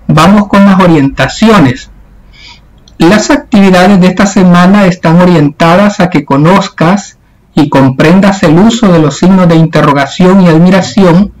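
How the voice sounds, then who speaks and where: A man's voice: high voice, low-quality recording. A male teacher patiently explaining a worksheet to schoolchildren in a recorded lesson. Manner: patient, explanatory, addressing children.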